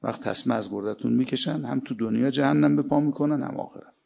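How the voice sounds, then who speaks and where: In a dull, lo-fi recording, a man with a gravelly, slightly mellow mid-range voice delivers a religious sermon. He recites Arabic verses between emphatic stretches of preaching.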